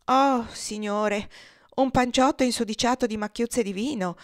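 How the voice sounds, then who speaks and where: A woman's voice: on the high side, unhurried, no room sound, voice pushed up, close to an everyday voice. A woman voicing a young, vain, pompous male house servant who is haughty and fawning, in a dry storybook reading. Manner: haughty, self-important and fawning.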